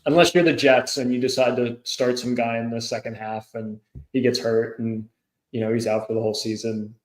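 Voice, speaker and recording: A man with a mid-range voice, talking sports in a measured, unhurried way as a podcast co-host, full of fillers and restarts. His voice is recorded in an echoey room that gives it a roomy ring. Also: mid-range voice, little pitch movement. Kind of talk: casual sports chat.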